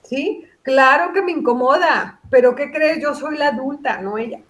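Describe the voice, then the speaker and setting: Reflective woman, slightly high voice. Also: normal speed. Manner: reflective, explains with examples and quoted dialogue. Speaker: guest psychologist. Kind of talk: casual podcast conversation.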